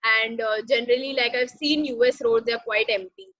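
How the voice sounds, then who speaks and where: A woman's voice: a little high, steady tone, moderate pace, fairly bright tone, lo-fi sound. A woman in her twenties from Mumbai with an Indian English accent, chatting casually in an interview, laughing easily and using many fillers. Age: 20s.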